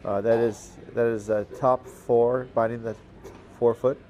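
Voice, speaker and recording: A man calling a curling game as commentator, relaxed and halting, with lots of fillers and restarts and the odd dry aside. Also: medium pitch, faint music behind. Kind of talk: play-by-play commentary.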